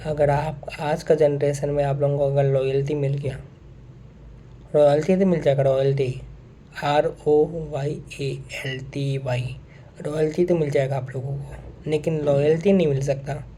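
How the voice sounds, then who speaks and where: A man's voice: a little high, fairly even intonation, moderate pace, warm tone, slight background noise. A young man talking straight to his viewers in a casual monologue, earnest and repeating his points, with English phrases mixed in. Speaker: vlogger.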